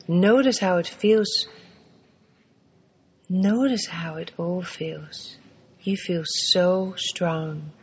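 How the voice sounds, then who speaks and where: Slow breathy woman guiding a meditation. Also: on the low side. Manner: slow, soft, soothing instructions with long pauses. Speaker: meditation guide. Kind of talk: guided meditation. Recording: long reverberant echo.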